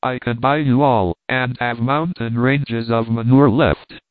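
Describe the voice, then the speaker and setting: A man's voice: mid-range voice, steady tone, a little slow, no room sound, natural voice. A man voicing a poetic, lovesick young man who speaks in grand, theatrical declarations in a storybook reading. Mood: dramatic. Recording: dry, tinny phone-like sound.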